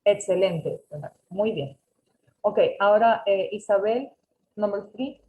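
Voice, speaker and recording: A woman's voice: medium pitch, measured pace, warm tone, low-quality recording. A woman teaching an English class over a video call, patiently correcting students and mixing with English. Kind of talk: online class instruction.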